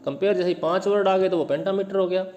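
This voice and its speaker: A man teaching literary terms, explaining patiently and repeating example words slowly to show where the stress falls. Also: high-pitched, steady tone, darkish tone.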